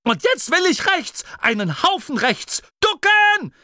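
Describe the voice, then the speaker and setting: A man voicing a frantic male gnome driver who shrieks panicked directions in a very high voice. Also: normal speed, a bit bright, no echo, clean studio sound.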